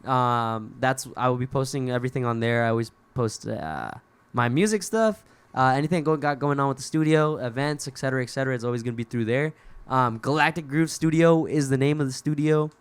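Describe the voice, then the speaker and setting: A man's voice: mid-range voice, a little fast, clear, resonant tone. A man talking casually as a guest on a podcast, laid-back and rambling, laughing often. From Inland Empire, California. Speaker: guest musician.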